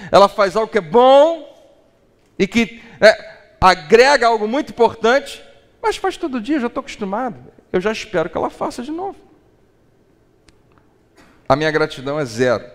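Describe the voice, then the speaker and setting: A man preaching a sermon as a pastor, animated and acting out small dialogues. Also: high-pitched, long reverb tail. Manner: animated, acts out little dialogues.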